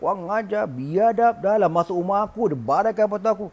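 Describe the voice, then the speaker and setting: A male preacher voicing a hot-tempered man who rants indignantly in a raised pitch. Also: animated, a little fast, a little mellow. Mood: furious. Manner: indignant ranting.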